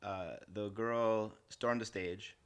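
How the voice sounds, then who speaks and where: A man's voice: on the low side, fairly even intonation, takes it slowly, clear, resonant tone. A young man co-hosting a podcast, talking in a rambling, casual way with restarts and laughs. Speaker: podcast co-host. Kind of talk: casual chat.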